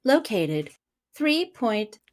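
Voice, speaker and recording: A woman's voice: fairly high pitch, drawn-out words, heavily acted. A woman voicing a formal, literal robot paladin in a tabletop game, talking in clipped voice-assistant tones. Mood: robotic. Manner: flat, clipped voice-assistant delivery. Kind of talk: online tabletop role-play.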